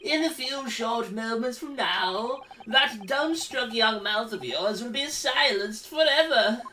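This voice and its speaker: Man acting smug, slow-talking game prosecutor. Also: very high voice, expressive, pushed and bright, distant mic, a little hiss or hum, voice pushed up, heavily acted, poor audio. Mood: smug menace. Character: smug, menacing, saintly-seeming courtroom prosecutor.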